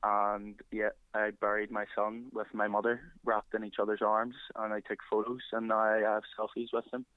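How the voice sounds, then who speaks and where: A man playing an unhinged caller who rambles in a flat, matter-of-fact way. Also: on the low side, moderate pace, hardly any pauses, no room sound, narrow, tinny audio, close to an everyday voice. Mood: deadpan. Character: deadpan unhinged male caller Robert. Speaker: prank caller.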